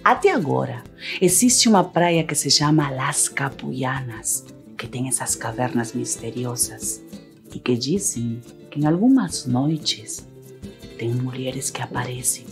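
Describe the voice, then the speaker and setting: A middle-aged woman from Peru, telling a tale with deliberate, rhythmic, theatrical phrasing. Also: a bass voice, music in the background. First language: Spanish. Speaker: storyteller. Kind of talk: dramatic oral storytelling.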